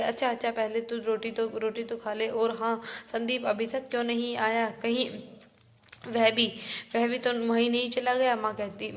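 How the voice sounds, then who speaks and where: Woman teacher, reads a textbook play to her class, raised flat pitch, halting delivery. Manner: halting, repeats and restarts words while reading. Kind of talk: reading a textbook play aloud to students.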